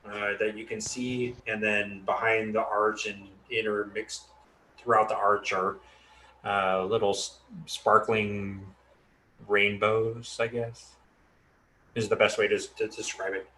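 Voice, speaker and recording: A man casually narrating a tabletop game as game master, in a halting, improvised way. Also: on the low side, flat delivery, pushed and bright, roomy sound, a little hiss or hum, low-quality recording.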